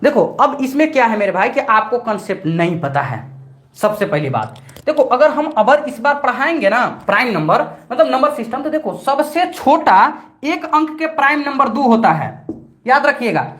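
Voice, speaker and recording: A man's voice: extremely high pitch, very animated, moderate pace, fairly bright tone. A middle-aged man with a Bhojpuri-tinged Hindi accent, teaching a live online maths exam-prep class in a chatty way, repeating each point and scolding his students by turns.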